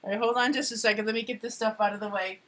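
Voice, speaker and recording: A woman's voice: fairly high pitch, fairly even intonation, rapid-fire, fairly bright tone. Chatty woman live-streaming her crafting. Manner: chatty, thinks aloud, trails off mid-sentence. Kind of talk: casual live-stream chat while crafting.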